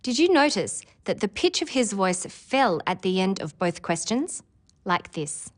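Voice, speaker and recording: A woman presenting an English exam preparation lesson in clear, careful scripted narration. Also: mid-range voice, sing-song, unhurried, soft background music. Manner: clear, careful delivery with demonstrated intonation.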